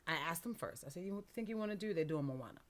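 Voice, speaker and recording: A woman's voice: on the low side, fast. A middle-aged woman telling a personal story in an interview, acting out the dialogue with lots of feeling. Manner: animated, acts out quoted dialogue. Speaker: guest.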